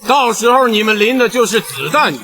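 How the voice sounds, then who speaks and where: A harsh army squad leader. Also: male voice, high voice, animated, fairly quick, pushed and bright, full character voice. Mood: scolding. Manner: barking orders, scolding. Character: stern male drill squad leader, harsh.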